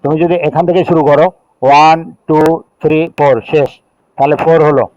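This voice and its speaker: A middle-aged male teacher with a Bangladeshi accent and a slightly high speaking voice explains chemistry step by step. He counts aloud and checks in with his students. The recording is dry and dull, with a lo-fi tone. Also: fairly even intonation, darkish tone, no echo. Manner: reads rules slowly in English, then explains in Bengali, counting aloud. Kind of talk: classroom lecture.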